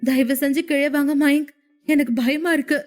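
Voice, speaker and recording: A woman's voice: a little high, a little fast, darkish tone, lightly acted. A woman voicing a frightened young woman who pleads and trembles in a storybook narration. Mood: frightened pleading.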